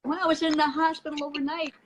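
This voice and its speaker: A middle-aged woman telling her story in a casual chat over a video call, lively and often laughing. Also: sits high, fast, rough recording. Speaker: guest sharing her story.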